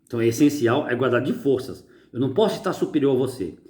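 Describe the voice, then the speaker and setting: Emphatic man preaching. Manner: emphatic, rising and slowing on key words; soft, low and quiet when closing. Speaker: religious teacher. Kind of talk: reading and preaching on religious writing.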